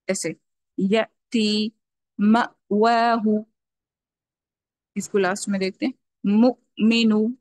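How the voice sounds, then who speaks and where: A woman teaching a Quran recitation class, explaining patiently step by step and slowly drawing out sounds to demonstrate them. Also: on the high side, no room sound. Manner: checks in often with a repeated "okay". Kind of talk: online tajweed lesson.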